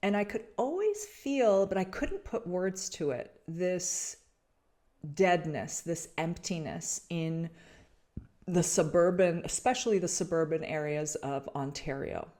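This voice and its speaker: A Canadian podcast host reflects aloud on spiritual matters for her listeners, speaking low and slow as she feels her way through each thought. Expressive and dark in tone, she searches for words, restarting phrases often and filling pauses.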